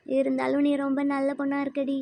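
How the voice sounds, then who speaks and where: A spoiled rich schoolgirl in a church kids' skit, brushing others off with quick, sharp words. The voice sits high and runs fast. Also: completely flat delivery, vocal fry. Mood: apologetic. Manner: sharp, dismissive, quick talk.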